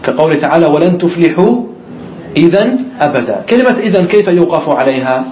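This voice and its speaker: A man's voice: on the high side, expressive, fast talker, a little mellow, roomy sound, highs cut off. A man teaching an Arabic grammar class, who explains step by step, asks the students questions and repeats the key words.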